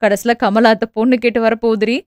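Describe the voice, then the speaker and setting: A woman voicing a young man, a teasing and protective older brother, in quick banter. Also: a little high, little pitch movement, a little mellow, clean tone, no room sound, studio quality, natural voice.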